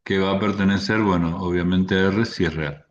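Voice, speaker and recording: A man's voice: deep voice, fairly even intonation, moderate pace, dull audio. A man giving an online university math lecture, explaining step by step with frequent restarts and fillers.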